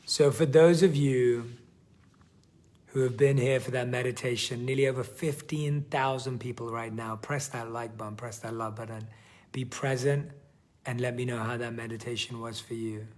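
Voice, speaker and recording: A man hosting a live workshop, guiding a meditation in a slow, calm, soothing way and reading out viewer comments. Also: mid-range voice. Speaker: meditation teacher and workshop host. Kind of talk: guided meditation and livestream talk.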